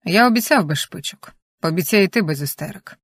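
Reader doing a firm calm husband, talks low and measured, earnest, dry close sound, nothing fancy. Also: husky, no echo. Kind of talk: audiobook dialogue reading.

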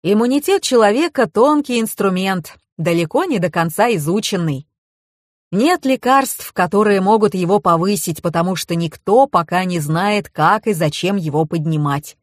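A woman's voice: medium pitch, normal speed, dry recording, studio quality, natural voice. Woman reading as a lecturing male expert. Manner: lecturing, wordy, deadpan. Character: pedantic male expert, lecturing know-it-all.

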